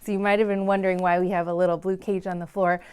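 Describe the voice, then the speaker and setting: In a fast, smooth, lowish voice with a level, darkish tone, a woman leads library story time. She reads a picture book aloud to the kids and gives key words dramatic emphasis.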